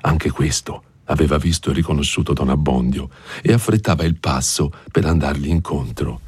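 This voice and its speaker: A man narrating a classic novel aloud in a measured, expressive audiobook reading. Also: very deep voice, slight background noise. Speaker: audiobook reader.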